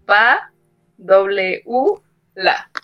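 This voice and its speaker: A woman's voice: medium pitch, very slow, muffled recording, soft background music. A woman, a guest on a podcast, chatting in an easygoing way. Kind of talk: casual chat.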